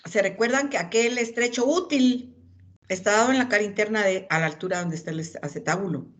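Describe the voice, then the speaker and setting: A woman's voice: mid-range voice, a little fast. A woman lecturing anatomy, pointing out images and calling on students by name.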